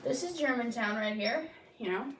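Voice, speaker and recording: Woman, homemade history explainer, high-pitched, goofy, slangy, lively delivery. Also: normal speed, background noise. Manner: playful and jokey, with slang asides; lively, with sudden loud bursts and drops to near-whispers. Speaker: presenter of a homemade history video.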